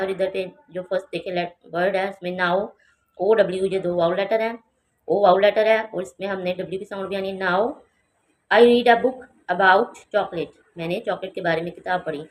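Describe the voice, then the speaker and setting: A woman teaching a children's lesson at home, reading English sentences slowly and then explaining them in Urdu. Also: mid-range voice, fairly even intonation, darkish tone.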